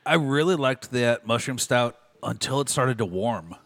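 A man's voice: mid-range voice, expressive, moderate pace. A man co-hosting a casual podcast chat, needling the others with dry humor. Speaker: podcast co-host.

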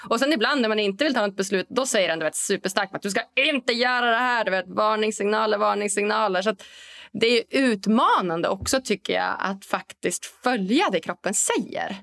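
A woman podcast host talking in a relaxed, chatty way. Her voice sits at an ordinary middle pitch, and she keeps the talk lively, often slipping into other people's voices to tell a story. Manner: lively, acts out others' lines in a raised voice. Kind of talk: casual podcast conversation.

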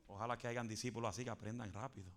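A man preaching a fervent Pentecostal sermon, building to shouts and dropping in English phrases. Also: medium pitch, steady tone, very fast.

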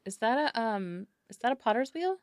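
A woman's voice: a little high, sing-song, normal speed, no room sound, clean studio sound. Shy, stammering woman player. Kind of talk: tabletop game role-play.

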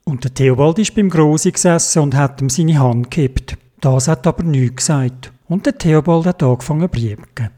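A man with a Swiss German accent reading a children's story aloud, gentle and expressive. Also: a little high, normal speed, few pauses.

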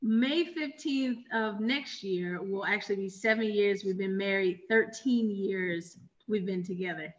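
A woman in her thirties from Richmond, Virginia, a guest telling stories in an animated, chatty way. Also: medium pitch, a little slow, few pauses. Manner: chatty, animated storytelling with fillers. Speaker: interview guest. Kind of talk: casual interview chat. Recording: dull lo-fi audio.

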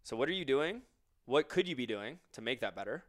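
A man's voice: medium pitch, lively intonation, fairly quick. A man co-hosting a podcast, talking casually and giving reflective, coaching-style advice. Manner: reflective, coaching tone, asks listeners questions. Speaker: podcast co-host.

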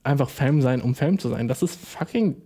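A man's voice: medium pitch, animated, moderate pace, mellow, breathy edge. A young man delivering a profane, sarcastic solo comedic rant full of slang, as host.

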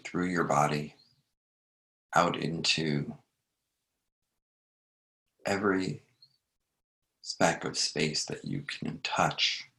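A man leading a guided meditation, speaking gently in short phrases with long unhurried pauses. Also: extremely low pitch, vocal fry.

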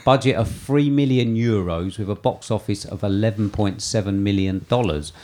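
Chatty man, lowish voice. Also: moderate pace, darkish tone. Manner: chatty, laughs often, reads lists of film facts. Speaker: podcast co-host. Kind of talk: casual film podcast chat.

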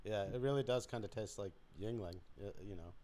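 A man's voice: on the low side, fairly quick, dark tone. A man co-hosting a casual podcast chat, throwing in short, dry, teasing remarks. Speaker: podcast co-host.

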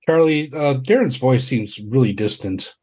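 A man improvising horror narration as a tabletop game master, halting as he searches for words. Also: mid-range voice, lively intonation, a little mellow, slightly rough.

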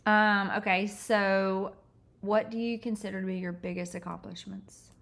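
A woman with a Southern US accent hosting a casual podcast interview, playful and animated as she asks questions. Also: medium pitch, moderate pace, gravelly.

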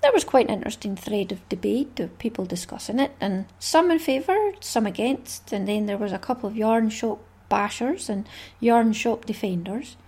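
A woman's voice: medium pitch, expressive, normal speed, few pauses, darkish tone, slightly rough. A Scottish woman hosting a craft podcast, talking in a chatty, rambling way with small laughs. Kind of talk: casual solo podcast chat.

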